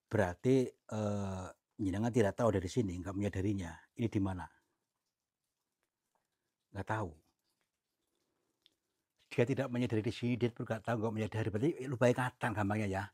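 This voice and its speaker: A man exploring a cave, talking in a coaxing, soothing, often hushed way. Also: on the low side, brisk, long pauses, husky, no room sound, studio quality. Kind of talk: staged exploration vlog. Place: inside a cave.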